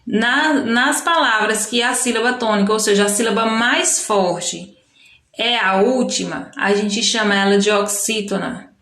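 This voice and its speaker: A woman's voice: on the high side, fairly bright tone, echoey room. A Brazilian woman teacher giving a recorded lesson to young pupils, explaining patiently and often correcting herself. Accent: Brazilian Portuguese. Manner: slow, patient explaining with frequent self-corrections. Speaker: primary school teacher. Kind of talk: recorded remote lesson walking through a textbook.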